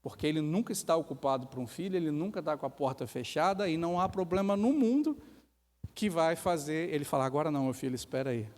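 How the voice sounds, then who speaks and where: A Brazilian man preaches in a church, his voice sitting a little high for a man. He drives his points home with rhetorical questions and brief acted-out quotes. A long reverb from the hall trails behind each phrase. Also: animated, a little fast, a little mellow. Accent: Brazilian Portuguese. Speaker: pastor. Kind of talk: sermon.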